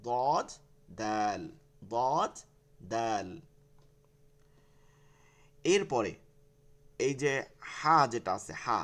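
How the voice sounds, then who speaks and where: A man teaching an online class on pronouncing the letters for Quran reading. He repeats each sound slowly and asks and answers his own questions. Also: mid-range voice.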